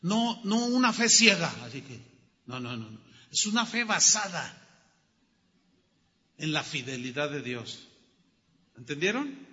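A man with a high, very bright and cutting voice preaches a sermon and retells a Bible story, hammering his key words again and again. His voice rings with a long echo in a church hall. The recording sounds dull and lo-fi. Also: sing-song, measured pace, pauses often, husky. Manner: emphatic, repeats key words.

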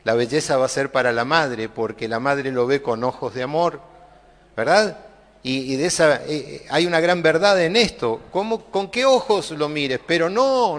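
Male preacher, high voice, chatty sermon style, halting restarts. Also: a bit bright. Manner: conversational, many filler tags and restarts. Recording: long hall reverb.

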